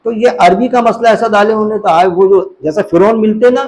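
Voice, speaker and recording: Man, high voice, casual sermon, rhetorical questions. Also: fairly quick, darkish tone, rough recording. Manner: conversational, rhetorical questions, mimics voices in anecdotes. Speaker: Islamic preacher. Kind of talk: informal religious talk.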